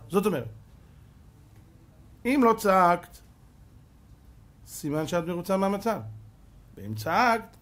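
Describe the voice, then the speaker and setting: A man, a rabbi, giving a sermon and firing rhetorical questions at his audience, dropping to a hush and then rising to shouts. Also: high voice, slightly rough. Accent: Israeli Hebrew. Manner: dramatic swings from hushed to shouting.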